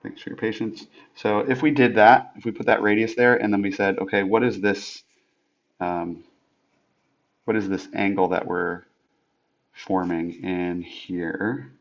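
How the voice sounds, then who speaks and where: A man's voice: lowish voice, steady tone, unhurried, muffled recording. A man teaching a geometry lesson over a whiteboard screencast, thinking aloud with many restarts and fillers. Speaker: math teacher. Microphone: tablet microphone.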